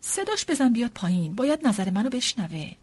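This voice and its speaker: A wry older father in an audiobook, read by a woman. He speaks in a measured, ironic way, never hurried. The voice has a lively lilt and a touch of huskiness. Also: a little high, breathy edge. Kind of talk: audiobook character reading.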